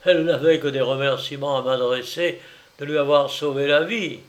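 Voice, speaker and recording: A man reading an arrogant, scornful middle-aged admiral with a cold, stern, forceful delivery in an audiobook. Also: medium pitch, steady tone, normal speed, natural voice.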